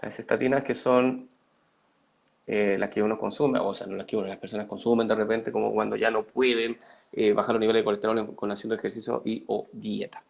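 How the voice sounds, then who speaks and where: A man's voice: fairly low pitch, little pitch movement, a little fast, creaky. A middle-aged man, teaching an online class, reading students' chat messages aloud in a playful way and then lecturing. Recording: dull lo-fi sound.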